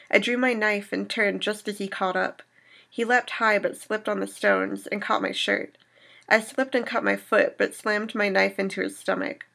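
A woman reading aloud as a shaken young woman survivor recounting an attack, in a steady storytelling manner. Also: mid-range voice, gravelly.

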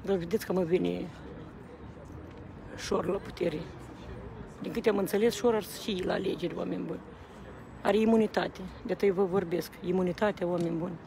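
A woman with a fairly low, steady, creaky yet warm voice, pausing often, talks heatedly to a reporter at an outdoor rally. She is agitated and keeps appealing to the people around her, with crowd noise running through this street interview.

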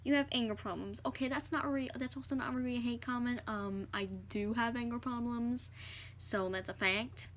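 A woman's voice: fairly high pitch, fairly even intonation, normal speed, slight background noise. A woman vlogger reading comments aloud and firing back with sarcastic, indignant comebacks. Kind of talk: casual chat.

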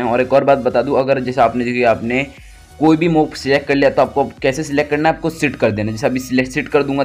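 A man doing a casual gameplay tutorial voice-over, chatty and thinking aloud as he picks options, recorded at home after the gameplay. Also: medium pitch. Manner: chatty, keeps saying "guys", thinks aloud while picking options. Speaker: gaming channel host.

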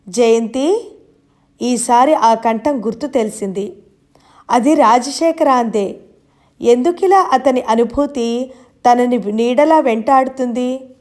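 A woman reads a novel aloud in a gentle storytelling manner. Her voice is fairly high, and she takes her time. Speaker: audiobook narrator. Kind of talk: scripted novel narration.

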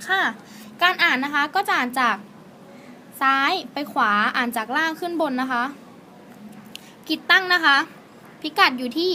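A woman's voice: high-pitched, bright, forceful tone, slight background noise. A young woman, a student, demonstrating a procedure step by step, politely and carefully reading out numbers. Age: young adult.

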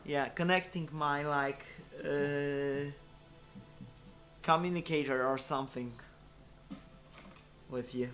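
Brief: a casual male streamer, unhurried and a bit high, self-deprecating with lots of fillers. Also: fairly even intonation, a bit bright, soft background music. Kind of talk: casual live-stream chat.

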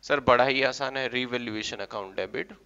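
A man's voice: mid-range voice, normal speed, bright, forceful tone, clean tone. A man putting on an eager, pleading young student. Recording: dull lo-fi recording.

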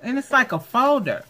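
With slight background noise, a woman speaking at a fairly low pitch hosts a home craft unboxing for her channel on a handheld camera. Every item gets excited gushing and repeated exclamations.

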